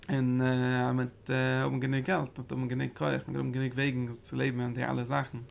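A man's voice: mid-range voice, completely flat delivery, normal speed, gravelly. A man giving a religious study lecture, breaking into emphatic bursts and often repeating and restarting his phrases. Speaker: Torah teacher.

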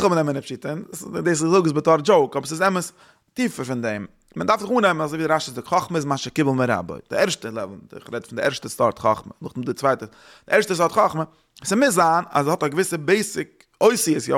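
A man's voice: mid-range voice, vocal fry, a bit bright. A man teaching a religious lesson in a rambling way, mixing German with Yiddish, Hebrew and English words. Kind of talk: Torah lecture.

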